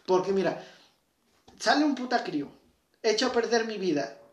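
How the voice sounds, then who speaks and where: Young man, Mexican accent, high voice, slangy and profane, roomy echo. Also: moderate pace. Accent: Mexican Spanish. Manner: profane, slangy, animated storytelling. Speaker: conversation partner. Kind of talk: casual chat.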